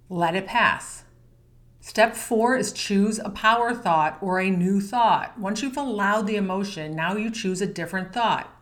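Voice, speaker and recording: A woman teaching a golf mental-game course lesson, speaking in a calm, direct coaching manner. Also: medium pitch.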